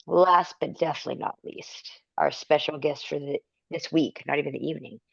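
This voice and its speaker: A woman with a gravelly, creaky voice hosts a podcast in relaxed, casual chat. The recording sounds dull and dry, with little room around her. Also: low voice, fairly quick, no room sound. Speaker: podcast host.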